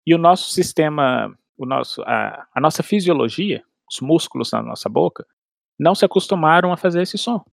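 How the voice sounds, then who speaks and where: A man's voice: fairly high pitch, expressive, moderate pace, vocal fry, no room sound, studio quality. A man, explaining language learning in casual chat with everyday analogies and frequent restarts. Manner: explains with everyday analogies and acted-out inner dialogue. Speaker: language expert guest.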